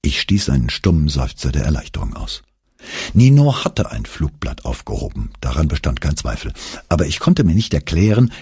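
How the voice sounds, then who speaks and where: A man reads a first-person memoir aloud in a very deep, strongly husky voice. His delivery is animated and full of rise and fall, with a dark, mellow tone. The recording is dry and close. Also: no room sound. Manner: expressive storytelling with voiced quotes. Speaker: audiobook narrator.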